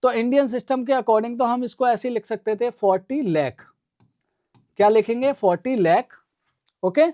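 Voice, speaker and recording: A woman as maths teacher, slightly high voice, dry close sound, patient step-by-step explaining, keeps checking in with the class. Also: mellow, no echo. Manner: slow, step-by-step explaining with frequent "है ना" and "ठीक है" check-ins; repeats numbers aloud as she works through them. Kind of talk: online classroom lesson.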